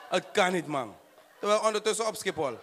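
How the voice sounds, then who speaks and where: A Surinamese comedian working a stage with a high, bright, lively voice. He acts out bits and shouts his punchlines, and a faint hum of the venue sits behind him. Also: a little fast. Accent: Surinamese Dutch. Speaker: stand-up comedian. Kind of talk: stand-up comedy.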